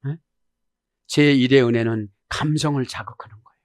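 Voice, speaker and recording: Korean pastor preaching with dramatic swings. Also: male voice, medium pitch, fairly even intonation, normal speed. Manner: emphatic preaching with frequent "네?" check-ins to the congregation; swings between quiet murmuring and loud exclamations. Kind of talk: sermon.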